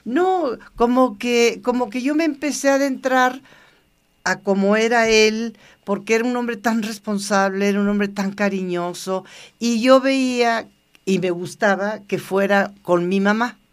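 An older woman tells personal stories as an interview guest. She talks in a lively, chatty way, laughing often and acting out the voices of the people she quotes. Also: fairly high pitch, measured pace, smooth. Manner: lively anecdotal storytelling, laughs often, acts out quoted dialogue. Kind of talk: casual storytelling interview.

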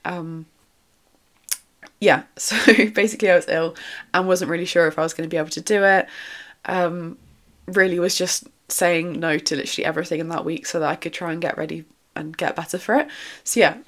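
A young woman in her twenties hosts her own podcast, talking in a loose, upbeat way with plenty of fillers and small laughs. Her voice sits a little low for a woman. A leftover cough roughens her throat. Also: brisk, fairly bright tone. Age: 20s. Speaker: podcast host. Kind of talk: casual solo podcast chat.

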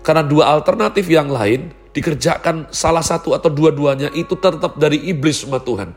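A man preaching a sermon in an animated way, acting out quoted voices. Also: mid-range voice. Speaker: pastor.

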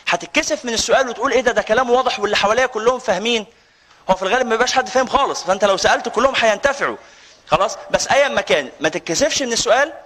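A man with an Egyptian accent lectures a live audience as a sheikh, rattling through his points at breakneck speed. His voice sits high for a man, and he keeps slipping teasing jokes in among the announcements. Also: sharp tone. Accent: Egyptian Arabic. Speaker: sheikh giving a lecture course. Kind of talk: live religious lecture with banter. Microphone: handheld or stand mic, with some feedback whistle.

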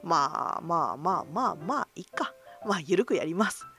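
A woman's voice: fairly low pitch, lively intonation, moderate pace, fairly bright tone, soft background music. A middle-aged woman hosting a casual solo radio-style talk, self-deprecating and joking, mixing polite forms with slang. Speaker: host of a solo voice blog.

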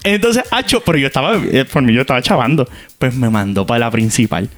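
A man with a Puerto Rican accent telling a comic story from his school days in a playful, animated way. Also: mid-range voice, brisk. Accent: Puerto Rican Spanish. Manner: animated, playful, acts out characters.

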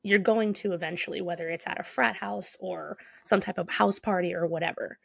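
A woman's voice: fairly low pitch, fairly even intonation, fairly quick, gravelly, husky, no echo. A young woman co-hosting a podcast, earnest and emphatic and often laughing. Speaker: podcast co-host. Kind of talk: casual chat.

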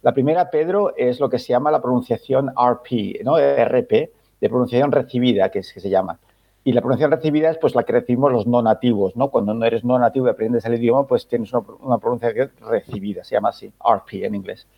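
A Spanish man on a football podcast panel talks fast in a mid-range voice with vocal fry, the recording muffled. In casual chat he explains things patiently, frequently ending with a filler "no?" tag.

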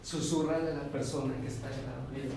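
A man giving a lively talk to an audience, asking them questions and acting out little scenes. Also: medium pitch, fast talker, noisy background. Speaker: speaker giving a talk on forgiveness. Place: large hall before an audience. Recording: echoey hall, voice from far off.

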